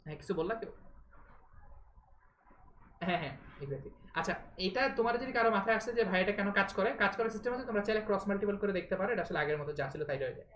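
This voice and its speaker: A woman's voice: medium pitch, expressive, very fast, echoey room, a little hiss or hum. A woman teaching math in a live online class, talking informally, mixing in English words and often checking that students follow. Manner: mixes English words into speech.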